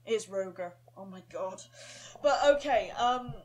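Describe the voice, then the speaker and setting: A woman's voice: mid-range voice, a little slow. A woman explaining audition instructions in a casual, chatty and self-deprecating way. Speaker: casting call director.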